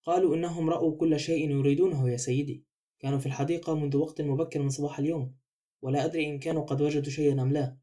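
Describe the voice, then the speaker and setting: Male narrator as a wary, guarded housemaid, mellow and brisk. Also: on the high side, steady tone, lightly acted. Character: reserved, wary woman housemaid.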